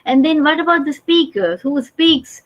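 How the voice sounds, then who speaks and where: A middle-aged woman from Sri Lanka, giving an academic conference talk in a halting, discursive way with many restarts. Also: high-pitched, expressive. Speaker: conference speaker. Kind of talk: academic lecture. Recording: dull lo-fi recording.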